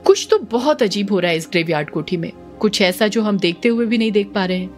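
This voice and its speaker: A woman's voice: medium pitch, lively intonation, fast, darkish tone, soft background music, lightly acted. A woman doing Abhimanyu, a teasing young man. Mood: uneasy. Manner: teasing, probing questions.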